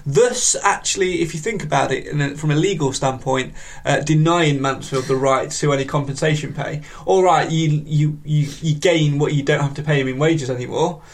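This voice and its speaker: A man hosting a football fan podcast, reading out viewer comments in a casual, halting way with many ums and restarts. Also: on the high side.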